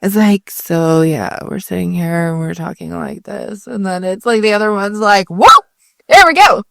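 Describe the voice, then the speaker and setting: A woman's voice: lowish voice, steady tone, normal speed, creaky, no room sound, clean studio sound. A woman co-hosting a podcast in casual chat, with a Valley Girl way of talking. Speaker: podcast co-host.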